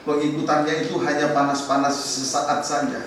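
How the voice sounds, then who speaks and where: A male pastor preaches in a fairly high voice, his words hammered home with repeated lines and calls to the congregation. The sound is very echoey and distant, as if the mic sits far back in a large church hall, with a faint hiss underneath. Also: level tone, moderate pace. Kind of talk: sermon.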